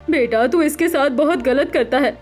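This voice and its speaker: A frail mother soothes and pleads in a soft, high voice, played by a woman. It is a cartoon story with faint music underneath. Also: normal speed, natural voice. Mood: pleading. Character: ailing elderly mother, gentle and pleading.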